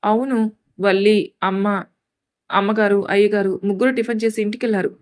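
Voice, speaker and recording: A woman's voice: mid-range voice, fairly even intonation, brisk, no echo, clean studio sound, natural voice. A woman voicing a polite housemaid. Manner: polite, deferential.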